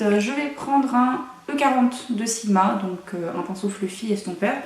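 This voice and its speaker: At home, a young beauty vlogger chats her way through a makeup tutorial, tossing in playful, self-deprecating asides. Her medium-pitched voice has a darkish tone. The mic sits away from her in an echoey room.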